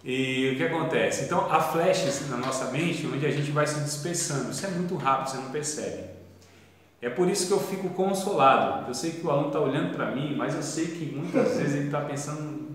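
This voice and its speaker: A man with a Brazilian Portuguese accent teaching a theology class in a conversational way, asking his students questions with gentle irony. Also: fairly high pitch, fairly quick. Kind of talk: classroom lecture. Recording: echoey classroom, faint background noise.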